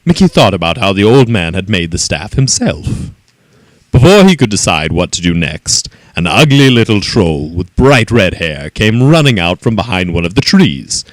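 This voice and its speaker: A man reading a children's story aloud in an expressive, animated way. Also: deep voice, normal speed, no echo.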